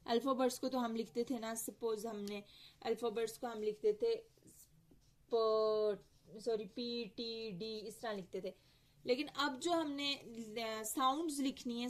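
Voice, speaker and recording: A woman's voice: fairly high pitch, moderate pace. A young woman lecturing on phonetics. She explains step by step, mixes Hindi-Urdu with English, and often corrects herself. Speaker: teacher.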